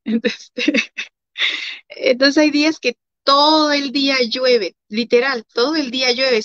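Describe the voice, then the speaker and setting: A woman's voice: a little high, a bit bright, no echo. A woman from Mexico with a Mexican accent, chatting as a guest and telling stories with many fillers. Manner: chatty, many fillers, acts out quoted voices. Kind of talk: casual testimony chat. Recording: dry, dull lo-fi sound.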